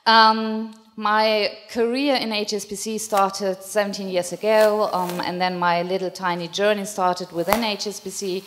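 A woman's voice: medium pitch, little pitch movement, a bit bright, slight background noise. A woman in her forties from Germany, speaking English with a German accent, introducing herself on a panel with frequent ums. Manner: halting, many ums. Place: conference hall with audience. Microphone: handheld microphone. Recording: long reverb in a conference hall.

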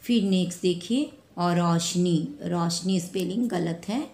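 A woman teaching a spelling lesson to children, repeating each word slowly and correcting mistakes one by one. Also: lowish voice, darkish tone. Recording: echoey room with faint ambient noise.

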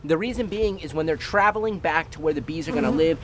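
A young man hosting a vlog outdoors beside beehives, talking excitedly and emphatically to camera in a casual style. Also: fairly high pitch, quick pace. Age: young adult. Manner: exclaiming, emphatic, repeats superlatives. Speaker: vlog host. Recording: noisy outdoor camera audio.

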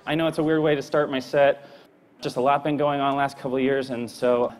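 A man's voice: mid-range voice, flat delivery, fairly quick. A man doing a live stand-up set on stage, chatty and awkwardly self-deprecating. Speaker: stand-up comedian and variety act. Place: TV comedy stage before a live audience. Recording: live audience crowd noise.

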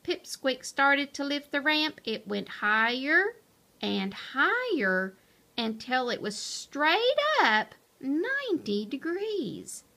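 Brief: female storybook reader, high, animated pitch. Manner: slow, expressive storytelling. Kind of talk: reading a picture book aloud.

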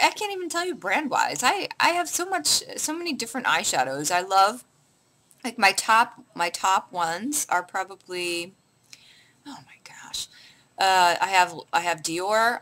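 A chatty young woman from Canada answering beauty questions in a casual vlog. Her voice is fairly low-pitched yet bright and forward, and she rambles through fillers and restarts. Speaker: beauty vlogger.

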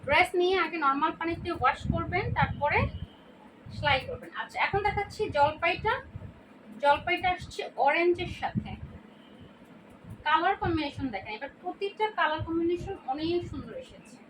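A very high-voiced woman with a Bangladeshi Bengali accent walks through dresses for sale in a chatty, repetitive way. She stands some way off from the mic. A clear hiss of background noise runs under her voice. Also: normal speed. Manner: chatty, repeats prices and colors. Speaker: online clothing seller. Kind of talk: casual product showcase. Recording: distant mic with noisy background.

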